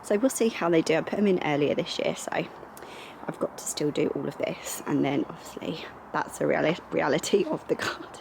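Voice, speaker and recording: A woman's voice: low voice, normal speed, gravelly, background noise. A young woman in casual vlog chat, rambling with lots of fillers, filmed at home on a handheld camera. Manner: chatty, rambling, many fillers. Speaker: lifestyle vlogger. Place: indoors at home.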